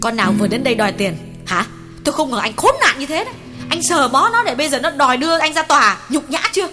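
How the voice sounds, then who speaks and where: A woman voicing a young secretary and mistress who lashes out in shrill, scolding outbursts and tearful complaints. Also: sing-song, fast. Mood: furious. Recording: reverberant reading with guitar music behind.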